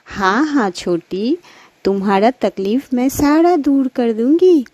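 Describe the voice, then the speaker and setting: A woman's voice: a little high, slow pace, no echo, dull audio, voice pushed up. A woman doing a sweet little girl. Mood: affectionate. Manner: sweet, excited. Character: sweet young girl Chhoti, gentle and kind.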